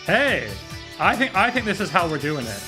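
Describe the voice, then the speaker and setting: His voice is high and sing-song, moving at a moderate pace, as he livestreams a visual novel with music in the background. He chats loosely and troubleshoots aloud, using slang and the occasional mild curse.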